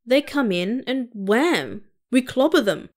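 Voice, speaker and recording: A woman voicing an eager, slow-witted male crewman who is a bit tipsy. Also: on the high side, lively intonation, pitched above the performer's own voice.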